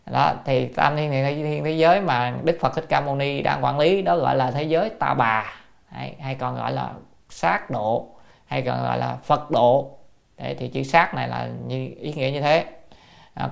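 A man giving a Buddhist sutra commentary lecture. He chants classical phrases slowly, then explains them word by word, often asking his listeners rhetorical questions. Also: mid-range voice, creaky.

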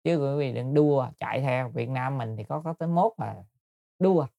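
A man gives a Buddhist dharma talk in a gravelly voice. He explains patiently and politely, often pausing to search for words. The recording is dry and close, with no room sound. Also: mid-range voice, no echo, dull audio. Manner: patient, explanatory, addresses listeners politely with frequent hesitations. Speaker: Buddhist teacher.

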